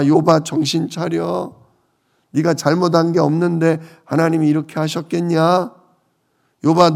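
A man's voice: fairly high pitch, gravelly. A man voicing a blunt older male friend who scolds a suffering man and lectures him to repent. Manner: rebuking, lecturing.

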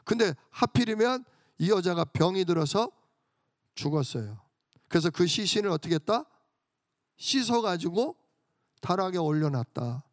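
A man's voice: sits high, expressive, moderate pace, pauses often, no room sound, studio quality. A male pastor preaching a storytelling sermon who keeps asking his congregation questions and answering them himself. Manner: storytelling, emphatic.

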